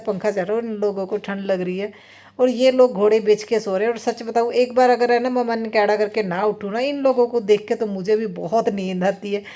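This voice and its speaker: Her pitch sits fairly high and her tone is dark. She's a mother in her thirties narrating a vlog over her phone, rambling chattily about her day at home and filling gaps with plenty of fillers.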